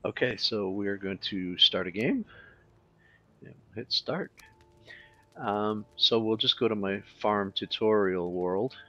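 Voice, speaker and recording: A man talking through a game tutorial in a relaxed, casual way, thinking aloud with fillers as he clicks along. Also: lowish voice, a little slow, no echo, dull audio, faint music behind. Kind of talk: casual screen-recorded tutorial.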